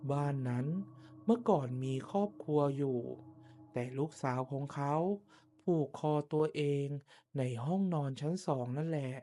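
A man voicing a grave older woman, a neighbour giving a warning in a slow ghost-story delivery. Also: on the high side, mellow, lightly acted. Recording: noticeable background noise and ambience.

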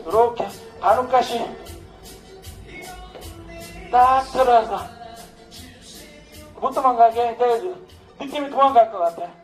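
A man's voice: extremely high pitch, slow pace, long pauses, low-quality recording. Joking man teaching social dance over music. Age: middle-aged. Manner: boastful, joking, casual banter. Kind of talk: dance lesson with live commentary.

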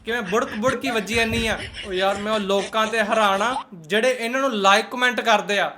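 Very high, bright sarcastic Punjabi man. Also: brisk, a little hiss or hum. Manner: sarcastic, teasing, colloquial. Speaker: host of a roast reaction channel. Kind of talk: mocking reaction commentary.

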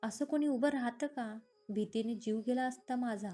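A woman's voice: mid-range voice, fairly even intonation, normal speed, mellow, faint music behind, lightly acted. A woman voicing a proud, strong-willed young woman from a poor family, hurt and defiant in a narrated romance story. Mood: angry.

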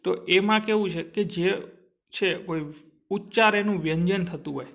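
Young guy teaching grammar, kinda high voice, keeps asking then answering his own questions. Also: normal speed, vocal fry, fairly bright tone. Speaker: exam coaching teacher. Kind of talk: classroom grammar lecture.

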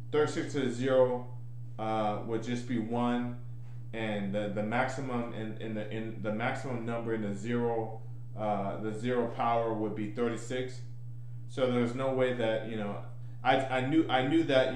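A middle-aged man explaining his code in an informal tutorial, thinking aloud, haltingly repeating and restarting his phrases over and over. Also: mid-range voice. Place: small indoor room at home. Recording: echoey room, clear background noise.

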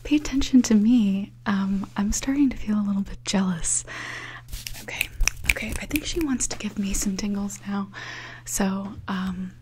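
A young adult woman doing whispered role-play ASMR close to the microphone, with fast, urgent, repetitive phrasing. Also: medium pitch, fairly even intonation, darkish tone, slight background noise. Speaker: ASMR performer. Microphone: close desktop condenser microphone.

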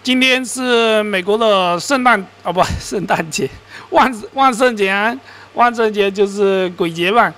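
A gaming and crypto-mining host narrates a casual game video over his screen recording in a high-pitched, pushed, bright voice, a little slow. He rambles, corrects himself often, and sounds mildly exasperated.

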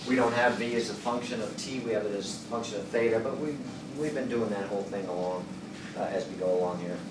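A man in his sixties giving a chalkboard lecture, working through equations and thinking out loud, hesitating and correcting himself. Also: fairly low pitch, quick pace. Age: 60s. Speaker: engineering lecturer. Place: classroom at a chalkboard. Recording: roomy classroom, distant mic, background noise.

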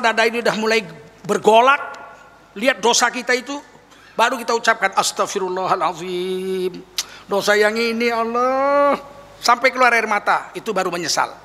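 A male preacher giving an animated sermon to an audience, acting out weeping prayers and joking with listeners. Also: sits high, a little fast. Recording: long reverb of a hall.

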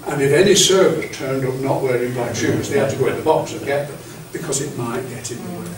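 A mid-range, fairly quick voice belongs to an older bishop giving clergy an anecdotal, chatty training talk, frequently restarting with stammers. A far camera in a classroom-sized meeting room with a projector screen records him, producing echo and faint hiss.

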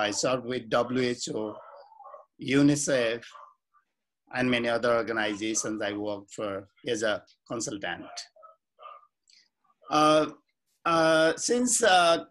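A man in his forties from Nepal with a Nepali accent, introducing himself as a life coach to a webcam in a small room, slow and searching with many fillers and restarts. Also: mid-range voice, fairly bright tone. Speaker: life coach and social activist. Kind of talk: self-introduction to camera. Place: small indoor room with plain wall.

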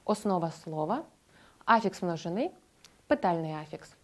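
A woman's voice: lowish voice, sing-song. Woman narrating a scripted language lesson. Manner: clear, explanatory, slows down to model example phrases. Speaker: language teacher.

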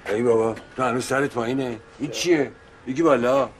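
A middle-aged husband, thought dead, comes home in a comic TV series, and the actor playing this father pleads and jokes with his furious family, then turns exasperated. The voice is mid-range and lightly acted, with a little hiss or hum.

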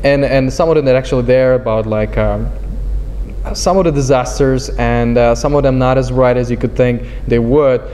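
A man from Ukraine with a Ukrainian accent, a talk show guest speaking earnestly in halting sentences with many restarts. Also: medium pitch, fairly even intonation, dark tone. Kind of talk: casual talk show chat. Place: indoor studio set with couch. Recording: studio with long reverb, faint hiss.

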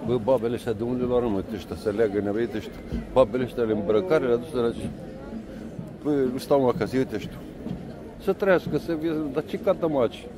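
A man joking and teasing while filming outdoors on a phone, loud church bells ringing behind him. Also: mid-range voice, a crowd in the background. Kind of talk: casual chat while filming. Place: outdoors on a city street. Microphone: handheld phone.

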